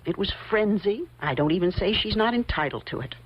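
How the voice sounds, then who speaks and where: An actress, lightly acting, voices a probing, coolly confident woman investigator in an old radio mystery, pointedly accusing as she lays out her theory. Her medium-pitched voice is animated and a little fast, over a noisy background in a muffled recording.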